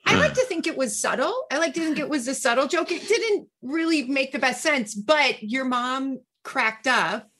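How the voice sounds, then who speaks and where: High-pitched gushing woman. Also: lively intonation, moderate pace, few pauses, a bit bright, a little hiss or hum. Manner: rambling, fillers, gushing. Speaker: guest. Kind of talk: casual panel chat.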